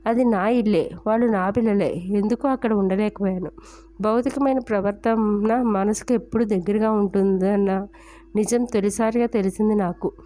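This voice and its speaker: Mellow woman reading an audio story. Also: mid-range voice, moderate pace, dry recording.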